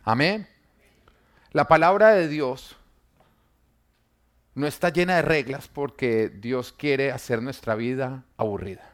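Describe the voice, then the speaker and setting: A man, preaching an emphatic sermon that swings between loud and quiet, full of rhetorical questions and humor for the congregation. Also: medium pitch, slow pace, pauses often. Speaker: pastor.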